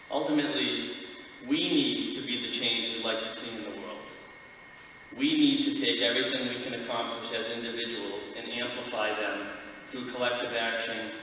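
A middle-aged man preaches like a vicar in measured, emphatic phrases. His voice is bright and forceful. It comes from a distance in a very reverberant church, with faint noise behind it. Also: medium pitch. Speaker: lay speaker giving a church sermon. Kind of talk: sermon read from notes. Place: large church, at a pulpit. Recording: echoey church hall, distant mic, background noise.

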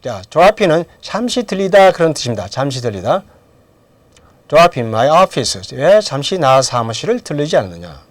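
A man's voice: a little high, very animated, normal speed, dry recording. A middle-aged man teaching English grammar in a lecture, asking questions and then answering them himself. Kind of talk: lecture with drills.

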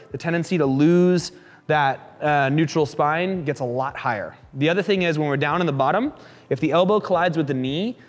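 A man coaching a fitness class, encouraging and joking as he calls out quick repeated cues. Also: fairly high pitch. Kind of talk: live coaching class instruction. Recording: echoey hall reverb.

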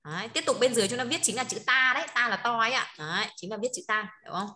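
A woman's voice: on the high side, animated, very fast, sharp tone. A woman teaching an online language class, checking in often with short tag questions and laughing easily. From northern Vietnam. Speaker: Chinese teacher. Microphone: online video call.

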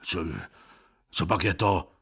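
A man voicing a pompous, excitable middle-aged saddler who blusters indignantly in a storybook reading. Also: low-pitched, slightly rough, voice pushed down, exaggerated voice. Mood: alarmed.

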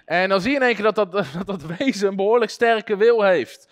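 Brief: male Bible teacher, fairly high voice, animated storyteller who chuckles a lot, in front of a class. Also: brisk. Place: classroom with a live audience.

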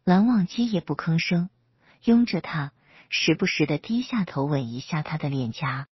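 Husky low-voiced woman storyteller. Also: lively intonation, moderate pace, no echo, highs cut off. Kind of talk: reading romance fan fiction aloud.

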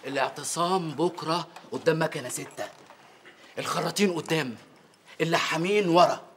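A man's voice: fairly high pitch, moderate pace, background noise, natural voice. Actor playing a rousing Egyptian factory foreman. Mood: rallying. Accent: Egyptian Arabic. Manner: rousing, conspiratorial speech. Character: scheming factory foreman rallying a strike. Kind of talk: sitcom acting.

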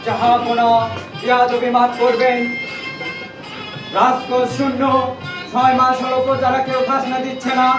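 A man's voice: very high voice, completely flat delivery, moderate pace, pauses often. A young man playing a deferential royal treasurer in folk theatre. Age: young adult. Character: deferential male royal treasurer reporting to his king. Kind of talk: jatra folk theatre acting. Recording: echoey stage, distant mic, music behind.

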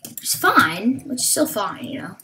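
A woman hosting a gaming video, talking slowly and hesitantly through what she is doing, with many fillers. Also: mid-range voice, sing-song, sharp tone, a little hiss or hum. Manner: hesitant, thinking aloud with fillers. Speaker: gaming channel host. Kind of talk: Let's Play commentary.

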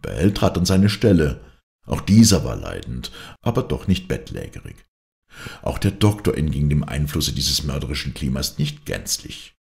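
A man reading a classic adventure novel aloud as an audiobook narrator, in a steady, measured way. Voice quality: very deep, gravelly voice. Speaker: audiobook reader.

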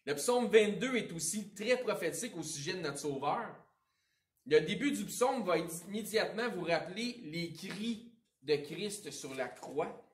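A man with a Quebec French accent preaching a sermon as pastor, with a conversational style, informal asides and big swings between loud and quiet. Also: high voice, expressive, unhurried. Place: church sanctuary. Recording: roomy echo, voice picked up from a distance.

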